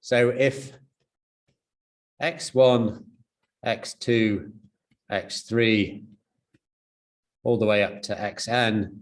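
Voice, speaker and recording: A man giving a university lecture, explaining step by step, with frequent fillers and restarts. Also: lowish voice.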